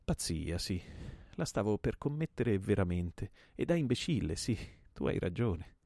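A man's voice: on the low side, very animated, unhurried, gravelly, warm tone, no echo, clean studio sound, heavily acted. A man reading a play aloud and voicing a desperate, grim man bent on murder, with an intense, menacing delivery.

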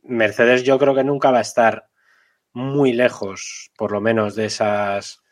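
A man's voice: mid-range voice, fairly even intonation, unhurried. A man with a Castilian Spanish accent giving opinions casually as a motorsport podcast panelist, repeating points for emphasis. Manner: colloquial, emphatic repetition.

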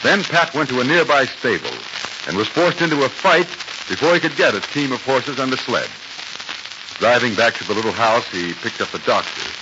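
An American man announcing in 1940s old radio style, talking like a chummy salesman addressing children. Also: mid-range voice. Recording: noisy, muffled 1940s radio recording.

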